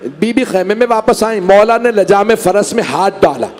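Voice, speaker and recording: A man with a Pakistani Urdu accent reciting a Muharram mourning sermon to a gathered congregation, with impassioned, drawn-out cries. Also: high-pitched, animated, a little hiss or hum. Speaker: majlis reciter.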